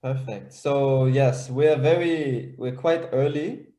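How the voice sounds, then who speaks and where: A man's voice: medium pitch, slow, dark tone, echoey room. A young man from Denmark and Israel, a startup founder presenting on a video call, talking hesitantly with many fillers and restarts.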